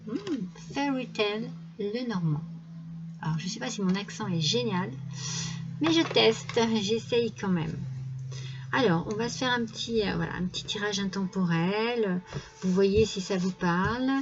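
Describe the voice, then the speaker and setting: A woman speaks to her viewers as she lays out tarot cards, in a friendly chatty way that keeps stalling on fillers and restarts. Her voice sits at an ordinary middle pitch for a woman. The recording is a little dull and lo-fi. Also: normal speed. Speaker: tarot reader. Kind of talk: casual tarot reading to camera.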